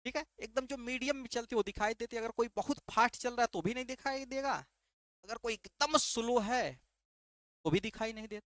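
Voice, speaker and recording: A man's voice: very high-pitched, fairly quick, a bit bright, dry recording, studio quality. Man teaching, quizzing himself as he goes. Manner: asks rhetorical questions and answers them himself; repeats key terms and checks understanding with "ठीक है". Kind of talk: classroom-style exam prep lesson.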